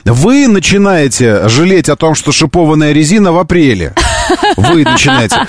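A male radio co-host talks in casual, teasing banter, full of mock solemnity and irony. His pitch runs a little high and swings widely as he jokes. The sound is dry and close. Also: normal speed, no room sound. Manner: ironic, playful, animated storyteller.

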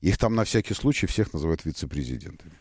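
A man's voice: extremely low pitch, expressive, quick pace, darkish tone, slightly rough, dry recording, studio quality. A man hosting a casual radio talk show, joking and ironic as he chats with his co-host. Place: radio studio.

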